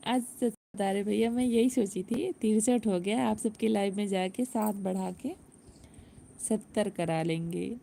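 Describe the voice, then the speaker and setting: A woman's voice: medium pitch, steady tone, a little slow, gravelly, dark tone, a little hiss or hum. A woman hosting a casual live stream, chatting and laughing with viewers and greeting them by name.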